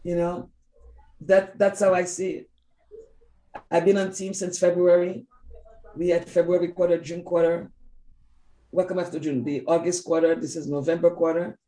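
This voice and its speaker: With a warm, fairly low voice that barely moves in pitch, this coach speaks at a moderate pace, leaving long pauses. She isn't a native English speaker and, chatting in a casual interview, stresses her points earnestly by repeating key phrases. There's a roomy echo in the recording.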